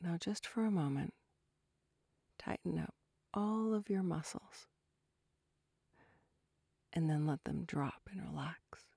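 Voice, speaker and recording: A woman with a lowish voice softly narrates a guided relaxation in the style of a sleep story. Her instructions are gentle, breathy and unhurried, drifting toward a whisper, recorded in a clean studio with no echo.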